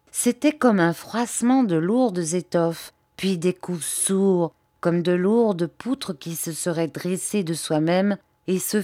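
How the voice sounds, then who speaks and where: Woman reading an audiobook, low and dry. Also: darkish tone, no room sound. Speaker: audiobook reader. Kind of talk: scripted narration.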